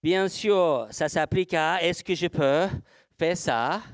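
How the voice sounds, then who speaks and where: A man's voice: on the high side, takes it slowly, clean tone, no room sound, clean studio sound. A man, a horse trainer speaking slightly broken French in a live seminar demonstration, asking rhetorical questions and answering them himself.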